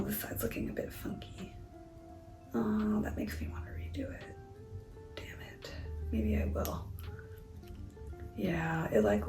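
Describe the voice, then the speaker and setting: A woman's voice: mid-range voice, vocal fry, reverberant, rough recording. A woman vlogger chatting casually at home, half-whispering and rambling about her crafting. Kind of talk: casual chat. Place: home, indoors.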